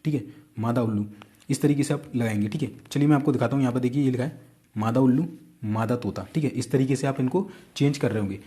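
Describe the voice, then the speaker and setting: Mellow-voiced man teaching a grammar lesson. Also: medium pitch, fast. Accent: Indian. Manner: repeats points and quizzes the listener; casual asides while drawing on a board. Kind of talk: online exam-prep grammar lesson.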